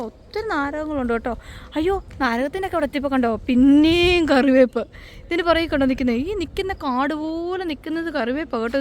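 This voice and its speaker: A woman's voice: high-pitched, a little hiss or hum. A woman on a casual vlog walking through a farm at dusk, chatty, who keeps pointing things out to her viewers. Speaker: family vlogger.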